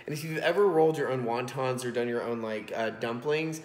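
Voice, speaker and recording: Speaking fairly quickly at medium pitch, a thirtysomething home cook hosts a casual vlog, chatting through each step with a self-deprecating streak. An iPhone propped on books in his indoor kitchen records a roomy, echoey sound.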